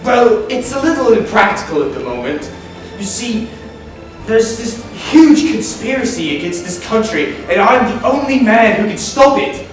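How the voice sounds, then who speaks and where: A man's voice: high voice, sing-song, moderate pace. A man playing a dry, sardonic hero on the run in a 1940s-style radio play. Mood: wry. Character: brisk, wry man on the run, a reluctant hero. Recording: echoey, distant, music behind.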